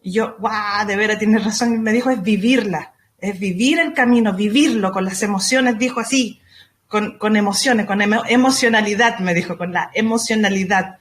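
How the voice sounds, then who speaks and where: A woman's voice: medium pitch, normal speed. Earnest woman giving advice. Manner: earnest, repeats words for emphasis. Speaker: astrology guest. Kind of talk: casual conversation giving parenting advice.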